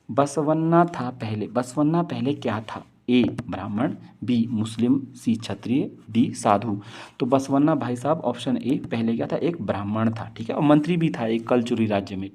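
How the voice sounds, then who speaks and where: Teaching history, this man reads out multiple-choice exam questions with their options, then explains every answer, frequently going back over the main points. His medium-pitched voice is mellow, and English words and phrases keep slipping into what he says.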